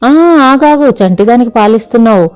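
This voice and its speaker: A woman's voice: a little high, animated, fairly quick, a little mellow, lightly acted. A woman voicing a fond middle-aged mother who fusses anxiously and affectionately over her daughter, storybook style. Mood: fussing.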